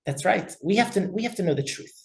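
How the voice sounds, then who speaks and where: A rabbi teaches a class with a lecture and discussion, speaking emphatically and frequently repeating words. His high, gravelly voice is animated and quick, and the poor audio carries the echo of the room.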